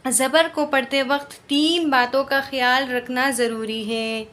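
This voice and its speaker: A woman teaching how to read Quranic letters, explaining patiently and drilling each syllable slowly. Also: high-pitched, steady tone, a bit bright. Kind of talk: slow spoken recitation lesson.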